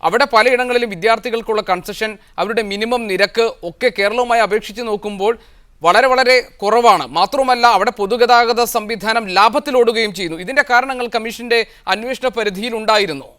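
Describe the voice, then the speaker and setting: A man's voice: extremely high pitch, fast talker, a bit bright. A male news anchor putting long, formal questions to panel guests.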